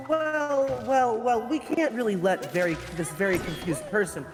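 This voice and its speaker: A man's voice: high voice, moderate pace. Guy w/ a cathedral reverb voice mod, long echo tail, stammering stern prosecutor bit, faint music behind. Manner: stern, stammering, repeats words. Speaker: mock interdimensional prosecutor. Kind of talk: improvised comedic roleplay trial.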